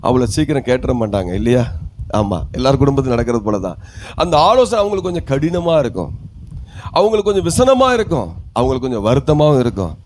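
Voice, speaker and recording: A man's voice: mid-range voice, very animated, quick pace, a little mellow, slight background noise. A male pastor with a Tamil Nadu accent, preaching a sermon and asking his congregation questions, with calls of hallelujah.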